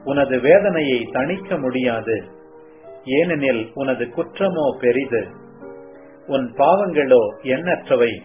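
A man reading as the solemn voice of the Lord. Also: a little high. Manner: slow solemn scripture reading. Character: solemn divine male voice of the Lord. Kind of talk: devotional scripture reading. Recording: tinny phone-like sound, faint music.

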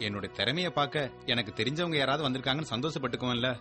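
A man playing a fast-talking, sulky young student. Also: medium pitch, sharp tone, faint music behind, lightly acted. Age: young adult. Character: lonely, sulky young college student son. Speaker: student son.

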